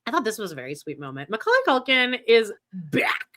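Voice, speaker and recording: Brisk and fairly bright, a medium-pitched woman swings widely in pitch while co-hosting a podcast about pop culture. The talk is casual and excited, rambling along with many restarts and lots of "like."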